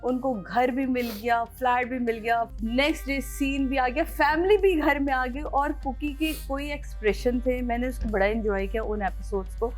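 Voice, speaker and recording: A woman gushes in a casual panel chat, lively and enthusiastic. Her voice is high. Faint music plays behind her. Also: moderate pace, hardly any pauses. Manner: lively and enthusiastic, laughs while telling. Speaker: drama review panelist.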